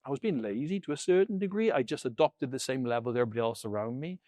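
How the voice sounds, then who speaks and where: A middle-aged British man from the United Kingdom, a former military linguist, tells anecdotes as an interview guest, re-enacting dialogue as he goes. His medium-pitched, slightly mellow voice is expressive and racing, recorded dry with clean studio sound.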